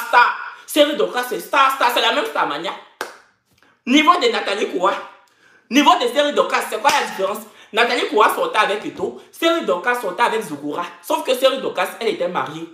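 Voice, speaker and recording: Brief: woman, live-stream host, mocking and theatrical, high lively voice, echoey room. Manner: mocking, theatrical, addresses viewers directly. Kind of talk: animated live-stream rant.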